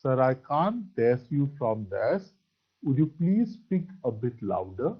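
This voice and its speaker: A man's voice: medium pitch, sing-song, a little slow, husky. A man with an Assamese accent teaching an English grammar lesson, spelling out words and answering his own questions. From Assam, India. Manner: asks questions and answers them himself, praises with "very good". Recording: dull lo-fi recording.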